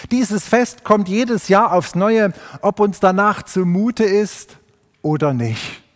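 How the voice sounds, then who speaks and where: A pastor delivers his sermon slowly and deliberately. His voice sits a little high for a man. A long church reverb trails behind every phrase. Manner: measured, unhurried pulpit delivery.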